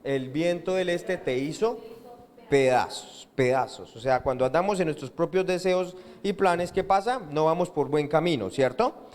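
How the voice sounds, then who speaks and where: A man's voice: on the high side, animated, moderate pace, a little mellow. A man with a Colombian accent, a pastor preaching a sermon and drawing answers from the congregation with questions. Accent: Colombian Spanish. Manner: call-and-response questions to the congregation. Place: church hall. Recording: church hall with long reverb.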